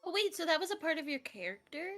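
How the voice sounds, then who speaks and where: A woman's voice: very high voice, big pitch swings, fast, fairly bright tone, dry recording, soft background music. A woman playing a murder mystery game, giggly and teasing. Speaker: game player. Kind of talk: casual chat.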